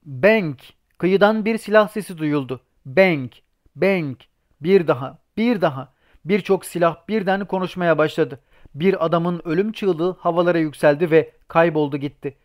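A man's voice: a little high, moderate pace. A man reading a novel aloud as an audiobook narrator, voicing the characters' lines as well. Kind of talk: scripted narration.

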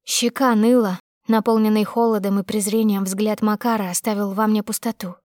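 Narrating a first-person audiobook, this woman sounds tense and emotional despite a flat delivery in a medium pitch. Her tone is darkish and her pace moderate, and the recording is close and dry, with no room sound.

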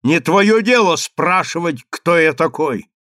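A man voicing a stern, commanding man who speaks firmly and loudly. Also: on the high side, lively intonation, unhurried, dry recording, studio quality, voice pushed up. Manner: firm and loud. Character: stern, commanding man confronting his accusers.

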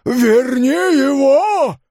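A hoarse, shrill, screaming thug of middle years, frantic with rage and fear. The voice sits far above a normal man's speaking pitch and lurches wildly up and down. It is dry and close, with no room sound. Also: big pitch swings, measured pace, dry recording, full character voice. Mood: panicked. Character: furious panicking middle-aged father, violent thug.

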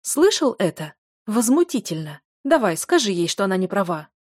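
A woman reading an audiobook, voicing an imperious noble mother who scolds and insists in a raised, high voice. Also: sing-song, normal speed, darkish tone, breathy edge, dry recording, studio quality. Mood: outraged.

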